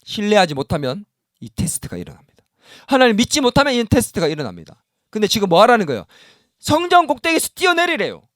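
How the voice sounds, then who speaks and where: A man's voice: high voice, huge pitch swings, fast, fairly bright tone, dry recording, clean studio sound. A male pastor preaching a sermon in a church, often asking the congregation questions and acting out the words of doubting believers. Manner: voices doubting believers in first person. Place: church sanctuary.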